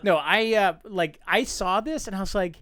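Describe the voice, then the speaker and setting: A man's voice: high voice, moderate pace, bright, forceful tone, no room sound, clean studio sound. A man co-hosting a podcast in casual chat, rambling with lots of fillers and laughing often. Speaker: podcast co-host.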